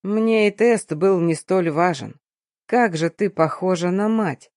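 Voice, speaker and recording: An audiobook reader voicing a patient, tender middle-aged father with a slow, calm delivery. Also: medium pitch, dry recording, clean studio sound. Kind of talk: audiobook reading.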